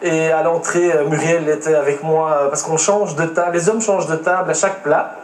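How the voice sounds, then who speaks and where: A man's voice: fairly high pitch, fairly even intonation, brisk. A Belgian man in his forties, a game show contestant, answering hesitantly with many fillers in an echoey TV studio. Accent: Belgian French. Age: 40s. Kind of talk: casual chat.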